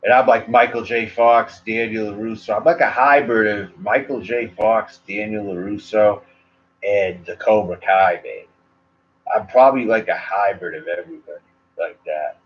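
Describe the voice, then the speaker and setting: On dull, lo-fi livestream audio with a little hiss or hum, a Maine-accented cigar reviewer speaks at normal speed in a voice on the low side. He wanders through casual chat with his viewers, saying "like" and "you know" constantly.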